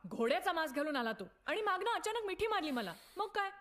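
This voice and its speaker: A woman's voice: extremely high pitch, very animated, fairly quick, fairly bright tone, full character voice. An actress playing a flustered young wife, complaining about her husband in a film comedy. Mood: annoyed. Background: film score music.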